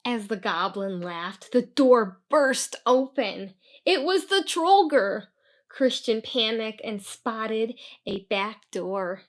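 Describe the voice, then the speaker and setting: With fairly high pitch, a woman performs a children's book as an expressive story, leaning into deliberate, dramatic emphasis.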